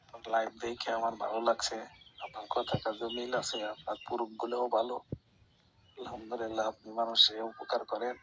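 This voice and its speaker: A man's voice: medium pitch, a little fast, fairly bright tone, a little hiss or hum, low-quality recording. A man leaving a pleading, deferential voice message, asking a favour and offering blessings. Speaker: caller begging for a game tip. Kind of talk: recorded voice message.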